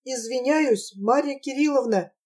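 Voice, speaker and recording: A woman puts on a fawning male shop clerk, lovesick and pompous, begging in fancy half-learned phrases. His voice sits high and rather hushed, with a mellow, soft tone. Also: measured pace, far from the mic. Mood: pleading. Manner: pompous mock-refined, pleading.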